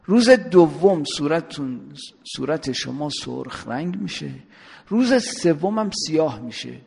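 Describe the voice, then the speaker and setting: A man's voice: fairly high pitch, lively intonation, creaky, a little mellow, slightly rough. A man preacher giving a sermon, telling a story and asking his listeners rhetorical questions, with a long hall reverb. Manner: rhetorical questions, drawn-out emphasis.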